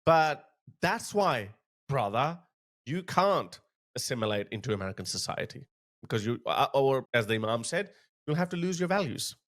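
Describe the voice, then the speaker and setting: A man's voice: medium pitch, big pitch swings, normal speed, a bit bright. A man giving blunt, opinionated commentary while reacting to a video clip. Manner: blunt, scornful.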